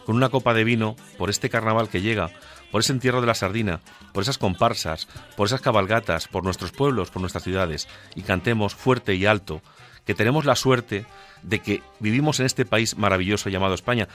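A radio contributor from La Mancha in central Spain delivers a scripted monologue in a central Castilian accent, with faint music playing under his voice. His lowish, fairly bright voice moves at a fairly quick pace, and his delivery is rhetorical, emphatic and declamatory.

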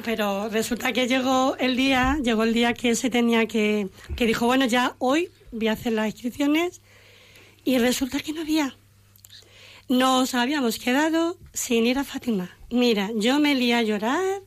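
A woman's voice: a little high, moderate pace. Chatty middle-aged woman. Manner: warm storytelling, emotional, quotes family in dialogue. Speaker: radio guest. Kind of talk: casual radio chat.

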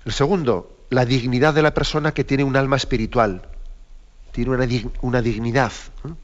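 Male lecturer, mid pitch, measured and explanatory with frequent tag questions, slightly dull lo-fi recording. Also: fairly even intonation. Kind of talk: spoken lecture to a class.

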